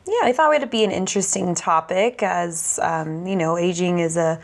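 A woman's voice: lowish voice, moderate pace. A woman in her late twenties co-hosting a podcast, chatting casually and leading the questions. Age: 20s. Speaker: podcast co-host. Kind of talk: casual chat.

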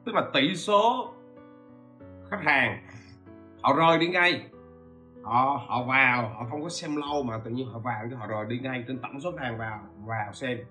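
Male podcast host, mid-pitched voice, informal teaching tone, keeps checking in with rhetorical questions. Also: normal speed, long pauses, bright, forceful tone, faint music behind. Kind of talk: informal spoken lecture.

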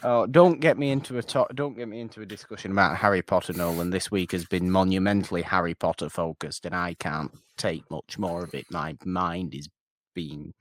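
This podcast co-host has a very low, deep voice and a brisk, animated delivery as he rambles about a classic movie, drifting between points and restarting sentences. It's casual film chat, recorded close and dry without room echo.

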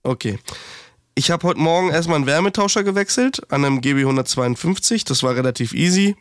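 With a slightly high, animated voice and a quick pace, a man co-hosts a casual podcast about heating repair, working as a heating technician himself. He's chatty, swears, rambles and restarts his sentences, and has a slight cold, all captured in a dry, clean studio recording.

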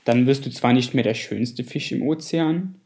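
A man voicing a wise old octopus in a storybook reading, speaking in a deep voice, solemn and slow. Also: a little mellow, lightly acted.

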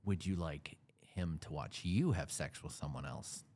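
A man's voice: very deep voice, measured pace, a little mellow, slightly rough. A man interviewing a guest with frank, teasing questions in a casual conversation. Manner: teasing, mimics others in playful quotes.

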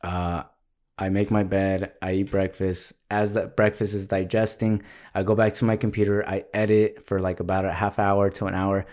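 A young man in casual conversation, telling stories animatedly, acting out quotes loudly and swearing freely. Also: deep voice, level tone, normal speed. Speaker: guest, video editor. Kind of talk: casual podcast chat.

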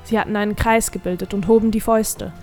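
A woman's voice: medium pitch, fairly even intonation, fast, warm tone, faint music behind. Woman narrating a fantasy audiobook. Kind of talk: scripted narration.

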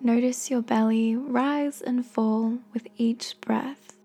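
A woman with a soft, breathy voice gently and slowly guiding a meditation in soothing, encouraging scripted narration. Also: a little high, fairly even intonation, soft background music. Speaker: guided meditation host.

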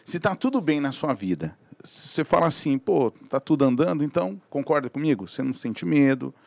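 A man's voice: on the high side, brisk, vocal fry, no echo. A man, a podcast guest telling anecdotes in casual chat and acting out the voices of people he quotes. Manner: animated, acts out quoted dialogue.

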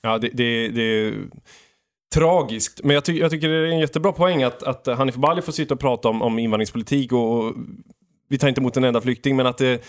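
A man in casual political chat, mostly agreeing briefly with wry remarks. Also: mid-range voice.

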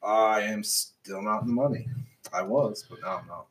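A man's voice: on the low side, normal speed. A man co-hosting a casual sports podcast, dry and brief, laughing off jokes. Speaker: podcast co-host. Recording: distant, roomy mic with faint noise.

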